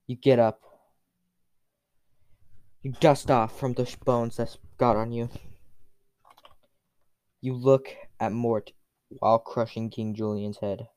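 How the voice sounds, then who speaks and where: A man's voice: mid-range voice, level tone, slow, long pauses, a little mellow, clear, resonant tone, dry recording. A man telling a second-person story in a casual, unscripted way, with fillers.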